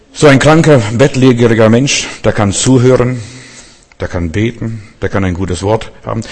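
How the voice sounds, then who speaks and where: A man's voice: lowish voice, darkish tone, big-room sound. A man preaching a sermon in a rambling way, often restarting his sentences and speaking to the listener directly.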